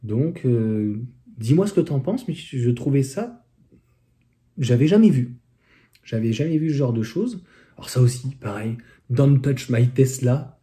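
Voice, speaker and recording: A man's voice: mid-range voice, lively intonation, measured pace, mellow. A man reviewing car accessories in a casual, chatty way, with many fillers and restarts. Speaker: electric car vlogger.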